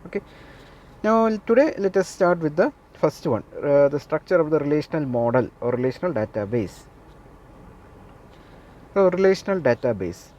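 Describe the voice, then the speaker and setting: A man's voice: on the high side, animated, normal speed, pauses often, darkish tone, lo-fi sound. A man lecturing a class, repeating key points and often checking with the listeners that they follow.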